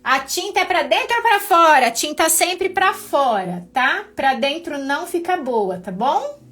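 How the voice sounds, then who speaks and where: Slow, high-voiced woman teaching painting. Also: sing-song, a bit bright, soft background music. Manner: patient, encouraging, slow step-by-step instructions. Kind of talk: live painting class.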